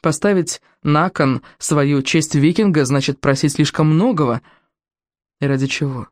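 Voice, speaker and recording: A woman narrating a children's fantasy audiobook in an expressive storytelling manner. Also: sits low, a little slow, no room sound, studio quality.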